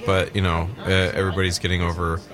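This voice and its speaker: A man co-hosting a radio show from a studio, teasing his partner with dry, deadpan jokes. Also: low-pitched, fast, over music. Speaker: radio co-host. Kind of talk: casual on-air banter.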